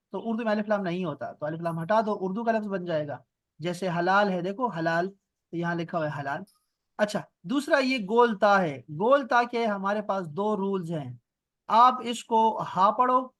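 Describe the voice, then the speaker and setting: A man with a Pakistani Urdu accent teaches an online class over a video call. His voice sits high and sounds dry and close to the mic. He repeats words patiently and checks in with his students often. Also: fairly bright tone, no room sound. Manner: patient, repeats words slowly for students, asks "theek hai?". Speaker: Arabic and Quran grammar teacher.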